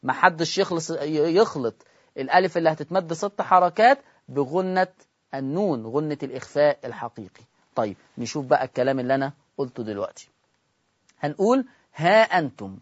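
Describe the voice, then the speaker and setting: A man with an Egyptian accent teaching Quran recitation in a broadcast lesson, asking his listeners questions and answering them himself, and drawing out words slowly to demonstrate them. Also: fairly high pitch, animated, no room sound. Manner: demonstrates recitation in slow drawn-out sounds. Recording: dull lo-fi broadcast audio.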